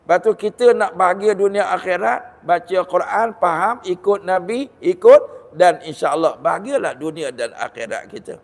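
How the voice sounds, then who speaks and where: Malaysian ustaz, high voice, jokey sermon, big echoey hall. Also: male voice, moderate pace. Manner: lively storytelling with jokes and rhetorical questions. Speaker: religious teacher giving a Ramadan talk. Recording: long hall reverb.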